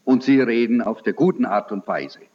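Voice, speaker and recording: Loud, impassioned male preacher in an echoey hall. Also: mid-range voice. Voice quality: loud, forceful voice. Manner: impassioned, rhetorical questions, slow emphatic build-ups. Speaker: evangelist preacher. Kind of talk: sermon. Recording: echoey hall, dull lo-fi sound.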